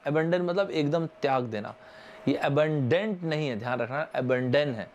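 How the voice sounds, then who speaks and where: A young man from India with a fairly high-pitched voice teaches vocabulary during a live online exam-prep lesson. He keeps it chatty and informal, spelling words letter by letter and asking viewers to respond in the comments.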